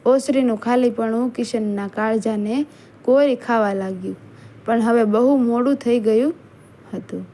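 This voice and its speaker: A woman's voice: fairly high pitch, a little slow, mellow, slight background noise. A woman narrating a scripted story in a solemn, emotional way.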